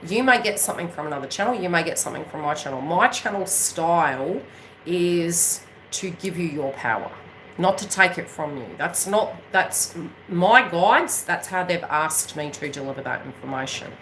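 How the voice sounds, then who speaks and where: Speaking in a lowish, expressive voice at a moderate pace, a somewhat bright-sounding Kiwi woman runs her own astrology and spiritual coaching channel. Unscripted and casual, she talks emphatically and at length, repeatedly using tag questions to check viewers are keeping up. There's a touch of hiss or hum on the rough recording.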